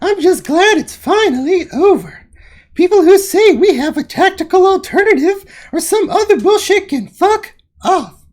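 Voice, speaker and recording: Woman doing a shrill sarcastic gamer girl. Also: lively intonation, normal speed, darkish tone. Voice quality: high squeaky put-on voice. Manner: sarcastic, mocking.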